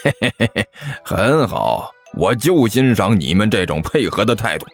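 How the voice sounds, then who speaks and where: A man's voice: on the low side, very animated, brisk, husky, faint music behind, pitched below the performer's own voice. A man doing a stammering, blustering robber. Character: bumbling male street robber, blustering but timid. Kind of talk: storytelling character voice.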